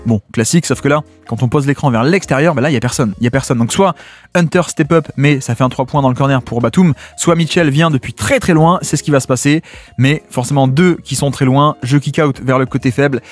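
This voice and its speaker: Over game footage, a man breaks down basketball tactics, speaking in the first person as if he were the players and sprinkling in "hein" and "hop." His voice is medium-pitched and fairly quick, with soft music in the background.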